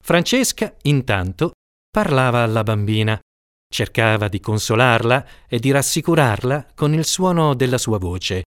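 A man's voice: mid-range voice, big pitch swings, normal speed, smooth, no room sound, studio quality. Man reading an audiobook. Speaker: narrator. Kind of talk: audiobook narration.

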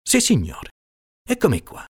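A man reading aloud, voicing a grim, stubborn man with a jinx reputation who speaks insistently with bitter, drawn-out emphasis. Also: a little high, wildly swooping pitch, husky, pitched above the performer's own voice, heavily acted.

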